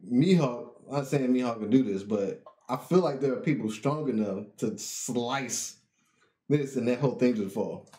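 Laid-back man with a mellow, dark voice. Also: medium pitch, moderate pace. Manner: laid-back, thoughtful, speculates out loud. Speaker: anime reaction co-host. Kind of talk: casual reaction chat.

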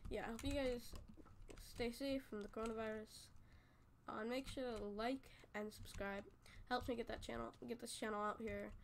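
Chatty, high-voiced woman explaining a game. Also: gravelly, a little hiss or hum. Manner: rambling, chatty, self-correcting. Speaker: gaming YouTuber. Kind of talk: casual game tutorial commentary.

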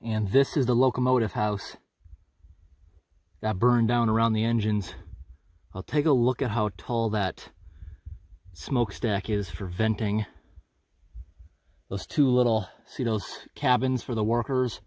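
A man films with a handheld camera while hiking a forest trail outdoors, giving a casual walk-and-talk narration of what he comes across. His medium-pitched voice is relaxed, observant and a little slow, with frequent pauses as he thinks aloud, and there is no echo.

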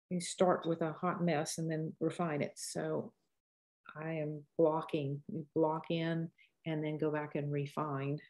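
A woman's voice: lowish voice, darkish tone. A woman in her sixties with a Cajun accent, teaching painting casually and thinking aloud as she works in a folksy, rambling way. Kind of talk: casual live painting tutorial.

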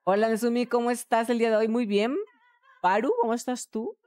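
A woman's voice: on the high side, fairly even intonation, brisk, a little mellow, no room sound. A woman with a Mexican accent streaming a video game, joking crudely and talking to her chat. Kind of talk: casual live gameplay commentary.

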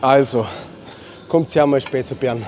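A man's voice: medium pitch, steady tone, moderate pace, music in the background. A man explaining his leg workout in a casual, instructive way, dropping English gym slang. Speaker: fitness vlogger.

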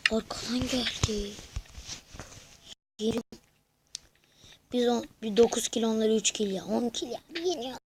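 A woman with a fairly high voice narrates her gameplay live for her YouTube viewers. She is excitable, curses at her opponents, and swings between shouts and hushed whispers. A faint hiss sits under the recording. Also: measured pace, long pauses. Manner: excitable, swears and shouts at the game, drops to whispers. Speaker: gaming YouTuber.

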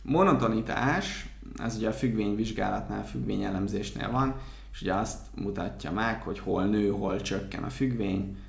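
Gravelly low-voiced male math tutor. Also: echoey room. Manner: explains definitions step by step, agrees with co-host. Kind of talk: casual exam-prep explanation.

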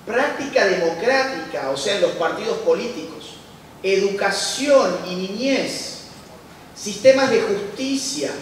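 An Argentine man with a high voice gives an emphatic public lecture at a conference, firing off rhetorical questions and answering them himself. He uses a handheld mic in a large church hall serving as a lecture venue, recorded by a distant camera. The audio is echoey and distant, with a slight hiss or hum.

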